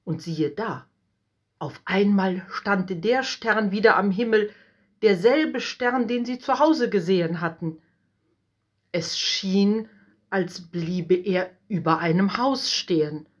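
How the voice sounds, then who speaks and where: A woman reading a storybook aloud in a gentle, measured way. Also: mid-range voice. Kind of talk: scripted storybook narration.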